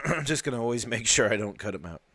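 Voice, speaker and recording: A man hosting a live card unboxing, chatting casually in a rambling way with fillers and excited exclamations. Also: medium pitch, fast.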